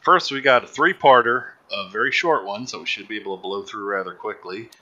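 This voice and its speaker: Bright forceful guy running a goofy panel chat, laughs a lot, trips over words. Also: fairly low pitch, fairly quick, muffled recording. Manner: laughs often, stumbles and restarts. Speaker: host of a live movie commentary show. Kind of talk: casual joking panel chat.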